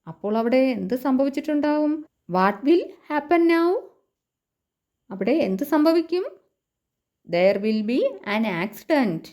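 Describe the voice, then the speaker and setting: A woman with a Malayali accent giving a lesson to young children, reading a storybook in a sing-song way and saying the English lines slowly. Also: high-pitched, animated, darkish tone. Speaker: teacher.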